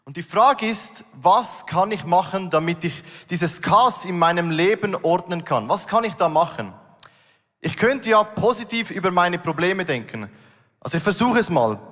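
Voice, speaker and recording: A man's voice: sits high, animated, moderate pace, fairly bright tone. A man preaching a sermon on stage before a congregation, earnest and emphatic as he speaks to the audience directly. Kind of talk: sermon with live illustration. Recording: echoey hall reverb.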